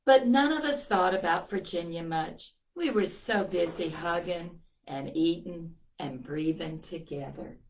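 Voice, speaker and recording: This storytime reader is a woman with a lowish voice, reading a picture book aloud a little slowly and with hardly any pauses. Her telling is expressive, with small asides for the children listening. The audio is poor, with a faint hiss or hum.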